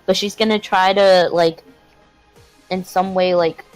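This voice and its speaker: A woman's voice: fairly low pitch, fairly even intonation, measured pace, faint music behind, rough recording. A woman playing a tabletop game, describing her character's actions hesitantly with many fillers. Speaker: player. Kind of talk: casual tabletop play.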